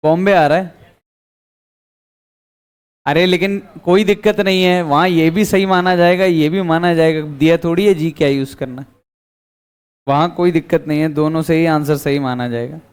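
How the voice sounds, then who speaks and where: A man's voice: a little high, fairly even intonation, normal speed, long pauses, smooth. A man teaching physics in a classroom, asking the students questions and answering them himself. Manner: quizzing students, answering his own questions. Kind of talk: classroom lecture.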